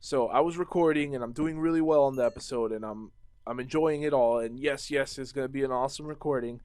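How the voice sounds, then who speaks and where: A man's voice: mid-range voice, fast talker, a little mellow, dry recording. A young man chatting casually at home while playing a game, rambling and restarting sentences as he tells stories and answers viewer questions. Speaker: gaming vlogger.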